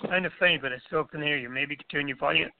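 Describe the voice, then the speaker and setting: Male radio host, higher-pitched voice, formal courteous phrasing with repeats, narrowband phone-quality audio. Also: quick pace, vocal fry, heavy background noise. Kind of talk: internet radio interview hosting. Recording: narrow, tinny phone-like line.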